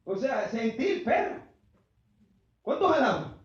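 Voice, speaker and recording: A man preaching a fervent sermon, building to shouts, with his congregation called to answer. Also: very high-pitched, very animated, takes it slowly. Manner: fervent call-and-response preaching, often shouting. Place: church sanctuary. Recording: very echoey, muffled church PA sound.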